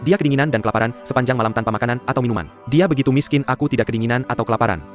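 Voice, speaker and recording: A man's voice: mid-range voice, rapid-fire, natural voice. A man dubbing a defensive, pleading husband in a drama, recorded dull with music behind. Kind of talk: dubbed drama dialogue.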